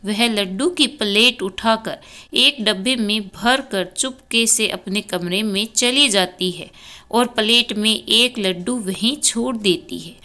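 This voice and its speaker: A woman narrates a family tale in a slow, unhurried way. Her voice sits at an ordinary middle pitch. She reads steadily and names each character before voicing their lines. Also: sharp tone. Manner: unhurried storytelling delivery, voicing each character by name cue. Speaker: storyteller. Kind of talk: scripted narration of a family story, reading all parts.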